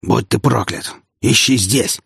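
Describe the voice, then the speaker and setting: A hoarse male stranger spits threats down a phone line, as the audiobook narrator puts him on. The voice is rough and menacing, recorded close and dry. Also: medium pitch, slow, a bit bright, no echo, heavily acted.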